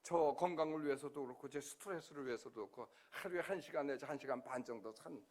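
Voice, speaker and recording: A man's voice: medium pitch, fast, a little mellow. An older man, a pastor, preaching an emotional sermon in church, acting out his prayers and his dialogue with God. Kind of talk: sermon testimony. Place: church sanctuary.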